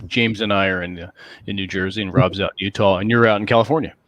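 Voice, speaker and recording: Man, host, lower voice, relaxed, hesitant with ums, dry headset sound. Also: no room sound. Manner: easygoing, halting, with many ums. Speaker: show host. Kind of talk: casual video-call interview. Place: home room, indoors. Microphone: headset on a video call.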